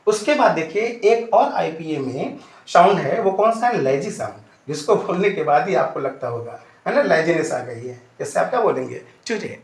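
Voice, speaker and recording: Male English teacher, high pitch, echoey room; quizzes the class and answers himself, repeats every point. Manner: addresses students fondly. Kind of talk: classroom-style lesson.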